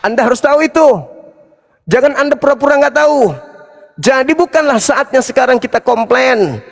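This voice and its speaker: A man's voice: extremely high pitch, moderate pace, long reverb tail. A man giving a confrontational, taunting speech at an interfaith debate, emphatic and challenging. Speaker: Islamic apologetics preacher.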